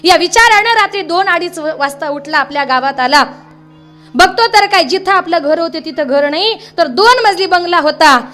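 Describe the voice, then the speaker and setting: Woman kirtan preacher, high voice, animated storytelling, faint instrument accompaniment. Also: moderate pace, faint music behind. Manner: animated storytelling, rising into song. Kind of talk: devotional kirtan storytelling with sung verses.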